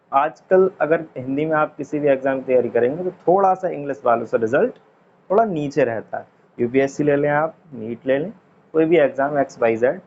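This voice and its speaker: Man, casual classroom teacher, repeats words slowly, dull lo-fi sound, faint hiss. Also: mid-range voice, a little mellow. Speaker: English teacher.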